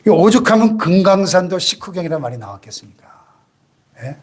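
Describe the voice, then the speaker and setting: A man's voice: sits high, sing-song, brisk. A man around sixty, a senior pastor preaching a sermon in a church and prodding the congregation with rhetorical questions.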